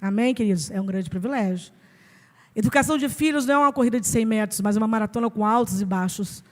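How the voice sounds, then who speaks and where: A woman's voice: on the high side, fast, a little mellow. A Brazilian woman pastor preaching a sermon in an emphatic, conversational way, asking rhetorical questions. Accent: Brazilian Portuguese. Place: church sanctuary. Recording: reverberant church hall.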